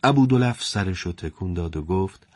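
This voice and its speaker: Male storyteller, low voice, dry close sound, colloquial and steady. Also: no room sound. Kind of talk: conversational story narration.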